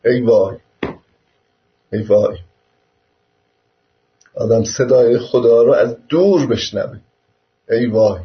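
A man's voice: medium pitch, long pauses. A man delivering a fervent religious sermon, full of rhetorical questions and small imagined dialogues. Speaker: preacher. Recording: dull lo-fi recording.

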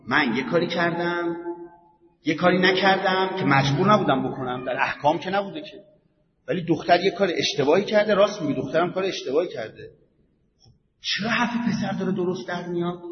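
A man with a fairly high voice gives a conversational religious talk, telling a story and stopping to ask rhetorical questions. He is heard from across a large hall with a long echo. The sound is dull and muffled. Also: slight background noise. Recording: echoey hall from far off, dull.

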